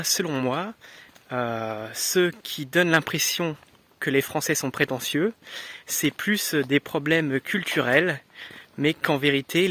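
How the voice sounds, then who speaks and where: Young french guy teaching, bright slightly high voice, lots of umms, chill and unscripted. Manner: relaxed, many hesitations. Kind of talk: casual explanatory lesson.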